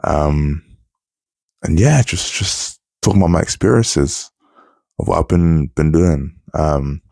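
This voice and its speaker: Male vlogger, twenties, deep register, retainer lisp, rambling and informal, very dry sound. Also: lively intonation, slow pace, vocal fry, a little mellow, no room sound. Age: 20s. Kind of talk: casual update to camera.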